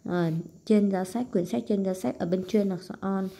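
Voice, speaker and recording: A woman's voice: medium pitch, steady tone, vocal fry, warm tone. A woman teaching an English lesson, walking through exercises and thinking aloud with frequent fillers as she writes. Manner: thinks aloud with many fillers, speeding and slowing. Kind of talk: casual lesson walkthrough while writing.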